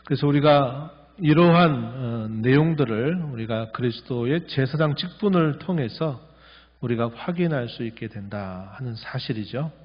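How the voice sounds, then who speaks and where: A pastor preaching a sermon, reading scripture slowly and firmly and asking rhetorical questions. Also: male voice, mid-range voice, husky. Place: church sanctuary. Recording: dull lo-fi sound with long church reverb.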